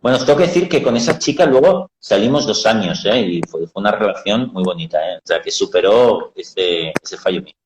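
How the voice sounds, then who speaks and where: A man's voice: lowish voice, animated, a little fast, few pauses, reverberant, slight background noise, rough recording. A man hosting a casual live talk, explaining in a frank, down-to-earth way with blunt everyday words. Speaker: psychologist host.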